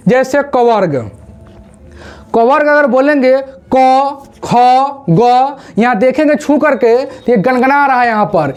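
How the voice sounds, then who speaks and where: A woman teaching Hindi grammar for exams, asking questions and drilling the pronunciation of each word slowly. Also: high voice, darkish tone. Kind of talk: exam-prep classroom lesson. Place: classroom with a board.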